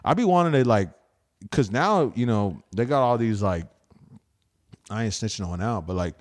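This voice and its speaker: A man's voice: fairly low pitch, normal speed. Slangy frat-bro guy telling stories. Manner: frat-bro swagger, slangy and profane, says bro and dude constantly; animated storyteller acting out quoted dialogue. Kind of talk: casual podcast chat, storytelling.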